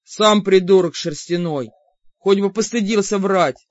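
A woman's voice: mid-range voice, unhurried, dry recording, lightly acted. A woman voicing an angry, bickering male shadow spirit in an audiobook. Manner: shouting, insulting. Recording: dull lo-fi dry recording.

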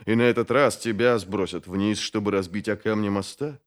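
A man voicing a weary old male mage who talks slowly, low and hushed. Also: lightly acted. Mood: doubting.

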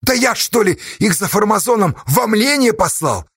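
A man's voice: high voice, expressive, normal speed, a bit bright, breathy edge, dry recording, clean studio sound, pitched above the performer's own voice, heavily acted. A man doing a tormented, defiant young man. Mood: anguished. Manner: anguished, bitter outbursts.

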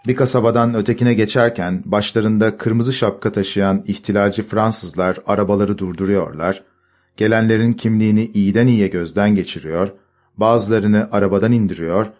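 Low-voiced man reading a story aloud. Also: normal speed. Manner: calm, steady reading, voicing characters. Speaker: audiobook narrator. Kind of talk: scripted storybook narration.

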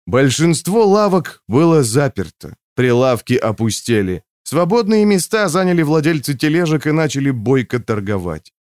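A man narrating a novel as an audiobook, with an expressive reading. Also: medium pitch, clean tone, no echo, studio quality.

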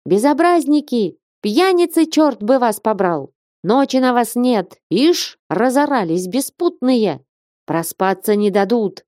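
A woman voicing a hoarse, drunken old merchant roaring curses through a wall after being woken. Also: a little high, big pitch swings, measured pace, darkish tone, no echo, studio quality, pitched above the performer's own voice. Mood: furious. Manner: bellowing curses.

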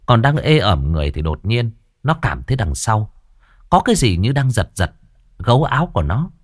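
A man's voice: on the low side, very animated, moderate pace, breathy edge, dry recording. A man narrating a ghost story in a crude, colloquial way.

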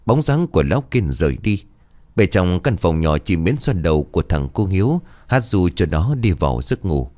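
A man narrating a ghost story in an expressive, dramatic storytelling manner. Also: lowish voice, dry recording.

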